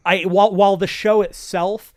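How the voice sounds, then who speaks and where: A man's voice: high voice, little pitch movement, normal speed, no room sound. A man co-hosting a podcast in casual chat, wry and sighing, often stammering over repeated words. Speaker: podcast co-host.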